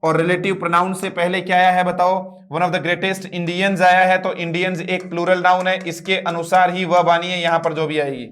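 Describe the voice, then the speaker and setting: A man with a Rajasthani Hindi accent teaching English grammar, reading example sentences slowly and drilling his students with frequent check-ins. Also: sits high, flat delivery, a bit bright. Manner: drills students, repeats "ठीक है" and "मित्रों". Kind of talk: classroom lesson.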